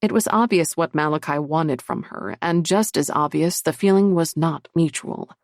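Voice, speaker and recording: A woman narrating a paranormal romance audiobook in a measured, steady reading. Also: low-pitched, no room sound, clean studio sound. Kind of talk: scripted narration.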